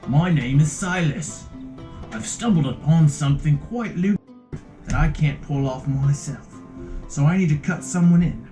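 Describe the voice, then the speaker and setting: A man doing a smooth-talking drifter with a wandering accent. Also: reverberant, lightly acted. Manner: accent wanders from cowboy to Scottish to Irish; persuasive, flattering sales pitch. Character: smooth-talking male treasure-hunting drifter. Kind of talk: tabletop game narration.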